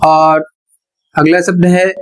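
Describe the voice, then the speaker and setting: A woman's voice: sits low, little pitch movement, takes it slowly. A woman teacher explaining English pronunciation rules in a classroom-style lesson, spelling words out letter by letter.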